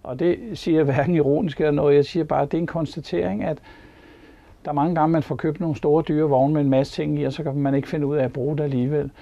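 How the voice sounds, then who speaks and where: Older man with a dark gravelly voice. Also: a little high, fairly even intonation. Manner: plain-spoken, opinionated. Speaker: caravan reviewer. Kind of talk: casual product review. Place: inside a caravan. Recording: slightly dull recording.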